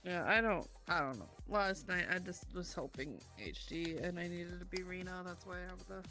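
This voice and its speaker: A woman's voice: on the low side, moderate pace, sharp tone, faint music behind. A woman streamer chatting casually during a roleplay session, exasperated and swearing freely. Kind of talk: casual gaming chat.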